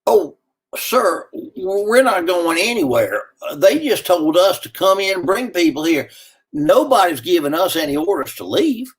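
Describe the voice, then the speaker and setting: A man's voice: sits high, very animated, a little slow, voice pushed up. A man doing an apologetic, stammering bus driver.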